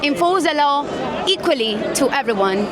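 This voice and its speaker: A woman's voice: high-pitched, expressive, moderate pace. A woman from Venezuela reading a prepared statement aloud in a firm, declamatory way at an outdoor rally. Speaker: rally attendee. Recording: loud crowd and street noise at a rally.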